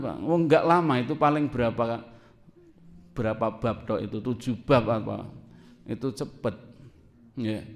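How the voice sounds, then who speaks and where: A man preaching to a congregation in a lively, conversational way, asking his listeners questions and laughing along with them. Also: medium pitch. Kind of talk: sermon to a congregation.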